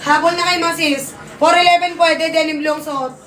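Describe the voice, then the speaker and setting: A young Filipino woman hosting a live-selling stream, talking loud and near-shouting, urgent and repetitive as her voice gives out. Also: very high-pitched, fairly even intonation, moderate pace, distant mic. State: losing her voice. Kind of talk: fast live-selling sales pitch. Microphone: phone. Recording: echoey room, off-mic, faint ambience.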